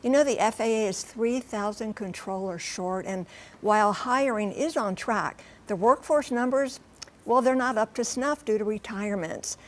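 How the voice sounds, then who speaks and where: An American TV transportation correspondent and pilot, medium-pitched and at a moderate pace, gives a conversational live news report. She explains things emphatically in short, clipped phrases.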